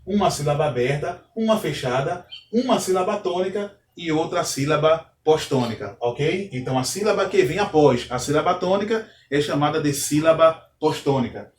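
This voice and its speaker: A man's voice: on the high side, lively intonation, moderate pace, slight background noise. A man teaching a grammar lesson, explaining step by step and checking in with "ok?" as he goes. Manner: methodical, repeats points, checks in with "ok?". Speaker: Hebrew teacher. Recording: echoey room, distant from mic.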